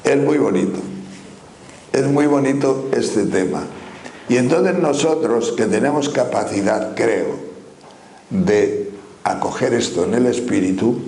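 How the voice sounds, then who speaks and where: An older Spanish man with a lowish, creaky voice delivers a spoken sermon with animation, posing rhetorical questions and calling his listeners brothers. The room is echoey, with faint background noise.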